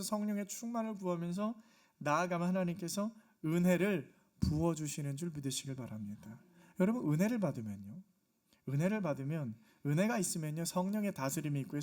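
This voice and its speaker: A male pastor preaching a Sunday sermon in a church, driving his points home with rhetorical questions and emphatic repetition. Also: high voice. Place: church sanctuary.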